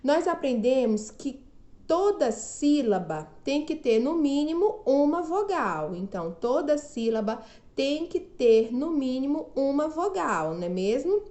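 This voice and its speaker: A woman's voice: high voice, big pitch swings, dark tone, reverberant. A woman from Brazil teaching a remote lesson to children, stretching out syllables and often asking "não é mesmo?". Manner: slow, drawn-out syllables, frequent "não é mesmo?".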